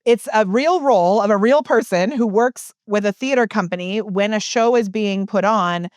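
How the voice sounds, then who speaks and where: A middle-aged woman, a guest in a casual interview, telling stories in an animated way and laughing between points. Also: mid-range voice, normal speed, no room sound. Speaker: guest, business coach.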